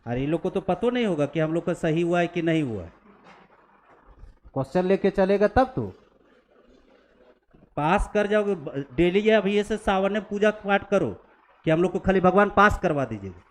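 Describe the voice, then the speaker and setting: A high, animated male voice at normal speed, pausing often. He's a maths teacher who bluntly scolds his class, then works a calculus problem on the board, mixing in English maths terms.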